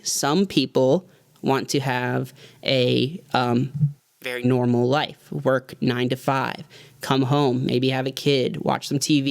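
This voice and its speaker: This man, a thirty-something music producer, gives his viewers a heartfelt, earnest vlog talk that wanders loosely and reflects on motivation. His medium-pitched voice carries vocal fry, and the audio has no room sound.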